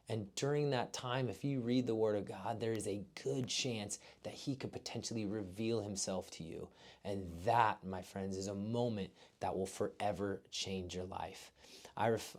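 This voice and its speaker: A man, a physical therapist, giving an earnest, heartfelt motivational talk to his clients, urging them warmly. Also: on the low side. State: emotional at moments. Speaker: physical therapist and gym owner.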